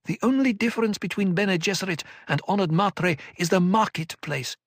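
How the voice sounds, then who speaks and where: A man's voice: normal speed, dry recording, studio quality. A man voicing an anguished, pleading young woman in an audiobook, his voice raised well above his own. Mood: angry. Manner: pleading, emotional, raised pitch. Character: anguished young woman, former warrior sister.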